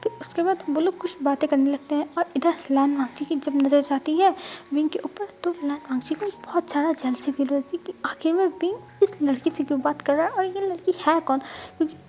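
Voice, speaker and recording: High-voiced woman retelling a story. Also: a little fast, warm tone, slight background noise. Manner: chatty, self-correcting. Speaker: fanfiction storyteller.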